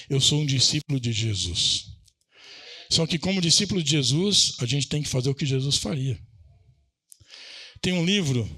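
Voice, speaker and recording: A man's voice: mid-range voice, bright, forceful tone, husky. A man, a pastor, preaching a sermon in a church, asking rhetorical questions and building to emphatic passages.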